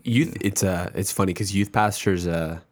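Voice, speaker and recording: A man hosting a podcast, chatting casually in a measured way with dry humor. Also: sits low.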